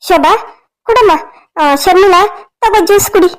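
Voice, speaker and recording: A woman's voice: very high-pitched, normal speed, poor audio. A woman voicing the women of a cartoon family drama, emotional and scolding. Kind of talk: cartoon story voice acting.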